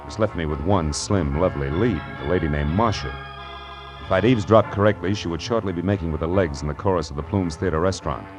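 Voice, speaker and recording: In a vintage 1940s radio noir recording with music, a low-voiced man talks fast as the narrator and lead, a tough, wisecracking, cynical private detective. His acting is light, and the delivery is wry, slangy and punchy, suiting the wry narration.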